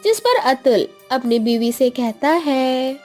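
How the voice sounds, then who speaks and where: A woman narrating a cartoon story with an expressive, storybook delivery. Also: high voice, slow pace, soft background music.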